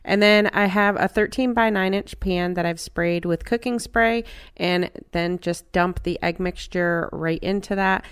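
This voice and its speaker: Chatty woman with a smooth, low voice. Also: a little slow. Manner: relaxed, chatty step-by-step explaining. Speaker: cooking channel host. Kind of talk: voice-over cooking narration.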